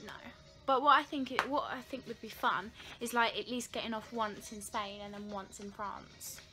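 A woman's voice: a little high, moderate pace, sharp tone. A young woman chatting casually and giggling as she vlogs a trip aboard a cruise ship, filming on a handheld camera. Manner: chatty, giggly, self-deprecating. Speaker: vlogger. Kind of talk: casual travel vlog. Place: cruise ship cabin and windy deck. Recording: music playing over the voice.

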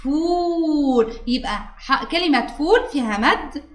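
A woman teacher with an Egyptian Arabic accent, her voice pitched high and her delivery quick. She coaxes her pupil along, prompting with questions and praising each answer. The sound carries an echoey room. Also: lively intonation, a bit bright. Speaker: primary school teacher. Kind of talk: interactive lesson with a pupil.

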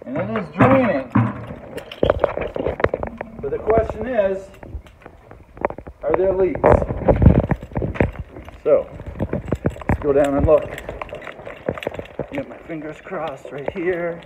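High-voiced man on a tinny phone. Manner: plain explanatory, halting with fillers. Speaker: home builder. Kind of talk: DIY walkthrough narration. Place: unfinished house under construction, indoors. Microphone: phone camera at arm's length. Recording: tinny phone audio with noise.

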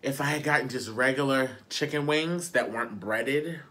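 A man's voice: medium pitch, moderate pace, sharp tone. An American man in his thirties with his mouth burning from spicy food, in pain and sighing, talking casually and dramatically to camera and repeating himself in exasperation. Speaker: mukbang vlogger. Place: small room indoors at home.

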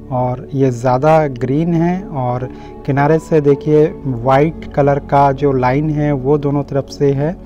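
A home gardening channel host leads a relaxed garden tour, explaining things and speaking to viewers in a warm, direct way. His voice sounds slightly high and mellow. The audio is a bit muffled, with instrumental music playing underneath.

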